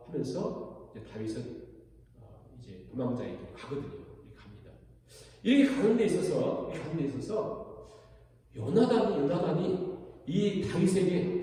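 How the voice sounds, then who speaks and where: A man's voice: sits high, warm tone. A male pastor preaching a Wednesday sermon, retelling a scripture story and acting out the characters' lines in a church sanctuary. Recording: echoey hall recorded from a distance.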